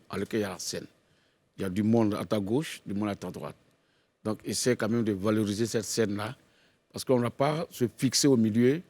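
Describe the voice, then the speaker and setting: A man's voice: lowish voice, darkish tone, dry recording. A man firmly advising a contestant as a talent show juror. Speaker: jury member. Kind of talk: spoken critique of a contestant.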